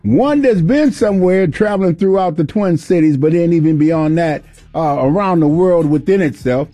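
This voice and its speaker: A male radio host interviewing a guest on air, talking slowly and repeating himself. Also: a little high, animated, mellow, no echo, faint music behind. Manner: slow, drawn-out, repeats himself.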